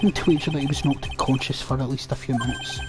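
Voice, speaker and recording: A man's voice: medium pitch, huge pitch swings, fast. A man reading a courtroom game aloud, switching between its characters. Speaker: reader voicing a game. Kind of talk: voice-acted game playthrough. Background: music.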